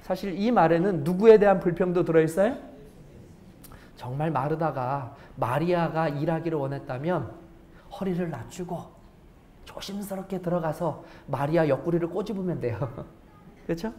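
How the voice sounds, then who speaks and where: A man with a notably high voice delivers a sermon as pastor in a church. He talks straight to the congregation, keeps asking it rhetorical questions and moves from loud, emphatic points to quiet asides. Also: normal speed, a little hiss or hum. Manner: lively, shifts between loud emphasis and hushed asides. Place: church sanctuary.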